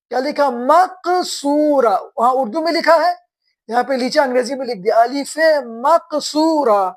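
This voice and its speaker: A woman teaching beginners to read, spelling words slowly syllable by syllable and quizzing her students. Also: sits high. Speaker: Quran reading teacher.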